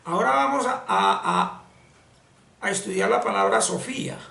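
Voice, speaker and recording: A man with a deeply gravelly, creaky voice gives a slow, deliberate lesson, repeating key words as he explains. His pitch sits a little high and moves a lot. He sounds distant from the mic, in a roomy space with a faint hiss behind him. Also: expressive, bright, forceful tone. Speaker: spiritual teacher. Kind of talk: explanatory screen-share lesson.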